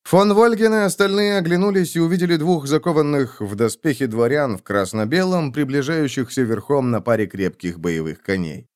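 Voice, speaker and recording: A man reading an audiobook in steady, scripted narration. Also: mid-range voice, fairly quick, few pauses, clean tone, no room sound, clean studio sound.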